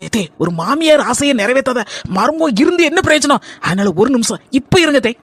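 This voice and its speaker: Woman voicing a cunning cartoon daughter-in-law, high quick voice, sweet-talking and sarcastic. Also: expressive, no echo. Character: cunning young daughter-in-law, witty, scheming. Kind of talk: cartoon comedy voice acting.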